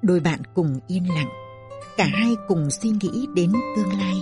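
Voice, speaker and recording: A woman narrating a novel in a measured, steady reading. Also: on the low side, over loud music. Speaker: storyteller.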